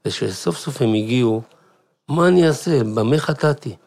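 A man voicing a distraught, overwhelmed mother in a plaintive, higher voice as he retells her words. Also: expressive, vocal fry, darkish tone. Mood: pleading.

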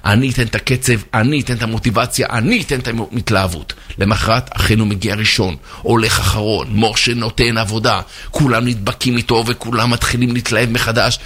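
A man, a rabbi, telling a parable in a sermon, animated, with sound effects and acted voices. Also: mid-range voice, hardly any pauses. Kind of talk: storytelling sermon.

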